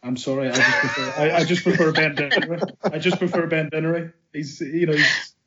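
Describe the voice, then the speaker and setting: A man bantering casually in a deadpan, teasing way on an internet call. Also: fairly high pitch, a little fast, very noisy. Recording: muffled internet call audio.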